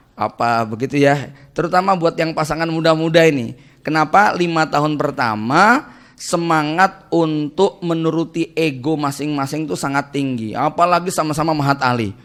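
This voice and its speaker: Speaking a little high, a man who works as a preacher and family counselor delivers a relaxed Islamic study talk. His style is animated and conversational, shifting from emphasis to soft asides, with "ya" and "gitu kan" tacked onto almost every phrase to check in with listeners.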